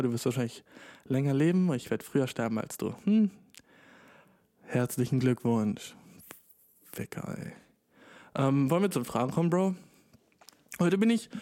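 A young man in his twenties hosts a loose, rambling solo chat. His voice is mellow and warm at a middle pitch, and his talk is profane and slangy. He gets worked up and keeps calling the listener dude. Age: 20s. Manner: excitable, addresses listener as dude.

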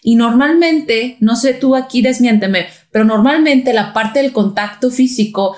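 Animated Mexican woman, echoey room. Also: a little high, measured pace. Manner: animated, mimics other people's voices. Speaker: podcast host. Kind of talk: casual conversation.

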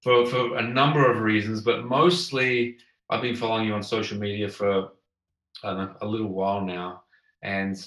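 A man with a fairly low voice hosts a podcast interview. He talks earnestly and somewhat haltingly, in a conversational style, with a roomy echo around his voice. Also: steady tone, fairly bright tone. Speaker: podcast host.

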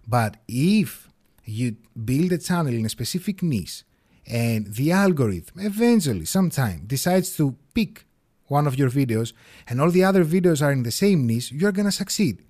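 A man in his thirties from Greece with a Greek accent, chatting animatedly as an interview guest and laughing often. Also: moderate pace. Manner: animated, laughs often, shifts pitch freely. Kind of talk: casual interview chat.

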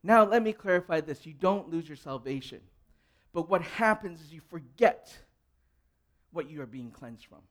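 Expressive and speaking at normal speed, a young adult pastor with a voice on the high side preaches conversationally and asks the congregation questions. He grew up in an English-speaking country, though his first language was Cantonese.

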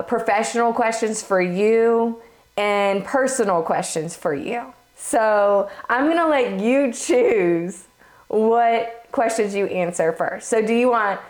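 A woman hosting a casual podcast, her voice a little hoarse from a cold, chatty and quick to laugh. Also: fairly high pitch. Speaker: podcast host. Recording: roomy echo.

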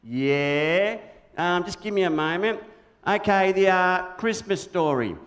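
A man's voice: high-pitched, animated, slow, a bit bright, exaggerated voice. Man doing a cheeky Australian puppet. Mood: cheeky confused. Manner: bouncy, silly, easily confused, sings. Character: cheeky puppet named Big Red, childish and toy-mad. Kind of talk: children's church puppet show.

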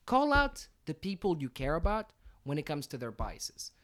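A young man chats casually as a podcast co-host. His voice sits high and swings widely in pitch, and his talk is full of slang and joking. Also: huge pitch swings, normal speed, fairly bright tone. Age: young adult. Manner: slangy, jokey. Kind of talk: casual banter podcast chat.

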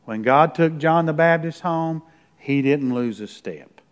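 A middle-aged pastor preaching a sermon. He reads scripture out loud with force, drops into quiet, low asides, and often checks in with his listeners with a "right?". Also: a little slow, clean tone. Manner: conversational, often tags lines with "right?". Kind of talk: sermon with Bible reading.

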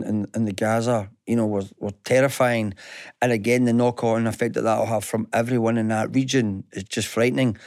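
A man's voice: mid-range voice, darkish tone, no room sound, clean studio sound. Chatty Scottish man on business radio. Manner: conversational, hesitant, many restarts. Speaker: radio show co-host. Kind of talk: business talk radio chat. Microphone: studio microphone.

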